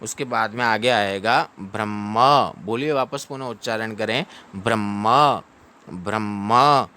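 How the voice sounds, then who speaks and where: A man teaching how to pronounce a Sanskrit chapter ending, drilling each syllable slowly and chanting it back. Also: lowish voice, steady tone, fairly bright tone, smooth. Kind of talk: pronunciation lesson.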